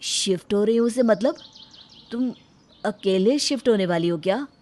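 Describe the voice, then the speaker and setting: A woman's voice: medium pitch, expressive, normal speed, a little mellow, natural voice. Woman voicing a devoted young husband. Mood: hurt. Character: young male husband, humble peon, devoted. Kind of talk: animated story voice acting.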